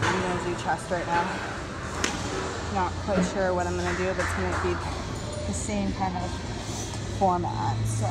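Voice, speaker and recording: A woman's voice: lowish voice, low-quality recording. A young woman vlogging in a casual, chatty way and explaining her workout sets. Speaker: fitness vlogger. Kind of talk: casual vlog narration.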